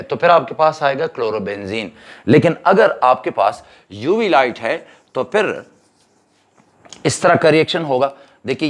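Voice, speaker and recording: A man, giving a chemistry exam-prep lecture and explaining each step while mixing in English terms. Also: mid-range voice. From Pakistan. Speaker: chemistry teacher.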